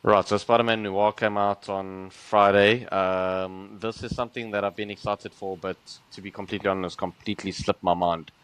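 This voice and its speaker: A man's voice: on the low side, steady tone, moderate pace, hardly any pauses, a bit bright, clean tone, low-quality recording. A man co-hosting a podcast in casual chat, talking with earnest enthusiasm and lots of fillers. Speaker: podcast co-host.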